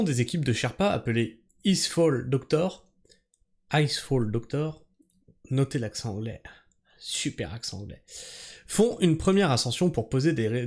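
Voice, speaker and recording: A man's voice: mid-range voice, darkish tone. A man reading a news article aloud and breaking off into sarcastic, profane rants about it. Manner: sarcastic, profane, exasperated asides. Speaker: commentator reacting to a news article.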